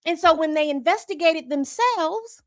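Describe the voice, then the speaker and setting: A woman's voice: very high voice, lively intonation, moderate pace, no echo. A woman hosting a commentary channel, reading from a report and breaking off into exasperated asides. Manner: reads documents aloud then comments with exasperated asides.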